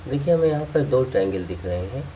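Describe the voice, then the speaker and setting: A man's voice: mid-range voice, expressive, fast talker, dark tone, distant mic, a little hiss or hum. A man teaching math, explaining step by step while drawing and repeating key points. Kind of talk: classroom explanation.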